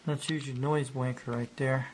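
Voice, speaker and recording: In a relaxed show-and-tell, a man talks about an old radio he owns, wandering off topic and saying things more than once. He has a mid-range voice with fairly even intonation and a moderate pace, and there's a little hiss or hum in the audio.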